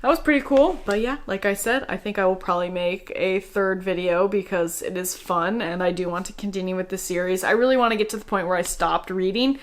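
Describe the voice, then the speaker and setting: A woman's voice: mid-range voice, brisk, few pauses. Chatty young woman reviewing books. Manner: chatty and enthusiastic, laughs at herself. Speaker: book review vlogger. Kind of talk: casual spoken book review.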